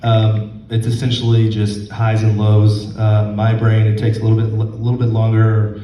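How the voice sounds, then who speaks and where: A young man doing a stand-up set, hoarse as he loses his voice, halting and full of ums with a self-deprecating tone. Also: lowish voice, completely flat delivery, warm tone. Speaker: stand-up comedian. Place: comedy club stage. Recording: roomy, distant, dull lo-fi recording.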